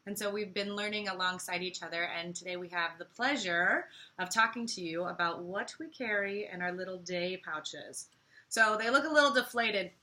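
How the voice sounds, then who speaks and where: Bright, bubbly American woman. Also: lowish voice, moderate pace. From United States. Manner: bubbly and playful, laughs often. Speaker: co-host. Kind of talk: casual product chat.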